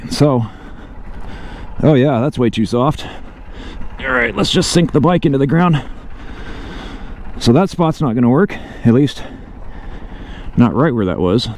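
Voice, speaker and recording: A man's voice: medium pitch, vocal fry. A man narrating a casual, off-the-cuff vlog outdoors on a motorcycle, thinking aloud to himself and his viewers. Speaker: motovlogger. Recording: loud vehicle and outdoor noise.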